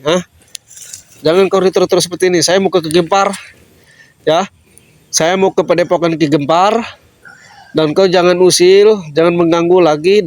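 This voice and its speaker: Man, high voice, dry close sound, stern scolding vlogger, repeats his questions. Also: dry recording. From Lampung, Indonesia. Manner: stern, repetitive, demands loud answers. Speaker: vlogger confronting a stranger. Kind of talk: scolding interrogation on camera.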